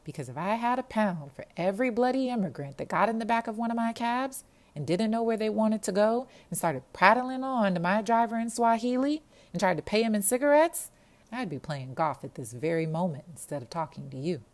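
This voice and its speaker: A woman's voice: medium pitch, expressive, brisk, pitched above the performer's own voice, lightly acted. A woman voicing a tired, grumpy taxi dispatcher on the phone, weary and sarcastic. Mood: scornful.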